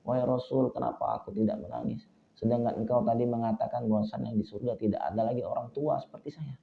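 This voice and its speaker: A man voicing a tearful old grandmother in a retold religious story, in his own gravelly voice. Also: medium pitch, fairly even intonation, quick pace. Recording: tinny phone-like audio.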